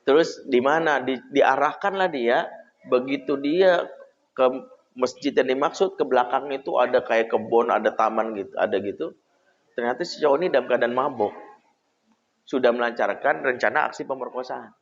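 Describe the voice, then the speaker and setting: Male Islamic preacher, conversational storytelling, mid pitch, hall reverb. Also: normal speed, a little hiss or hum. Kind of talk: casual Islamic parenting talk with storytelling. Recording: echoey hall, dull lo-fi sound.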